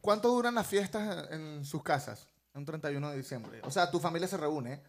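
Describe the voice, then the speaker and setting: A woman in casual group chat, telling lively stories and quoting herself, who mentions her son. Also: low-pitched, a little fast, slight background noise. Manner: lively storyteller, quoting herself, laughing often. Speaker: parent.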